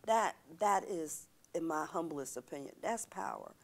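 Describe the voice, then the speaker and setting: A woman's voice: low-pitched, measured pace, vocal fry. A woman in her sixties, a guest speaker in a church studio interview, talking emphatically and gesturing, on a lapel mic. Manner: emphatic, animated storytelling with hand gestures. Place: church TV studio set, seated on stage.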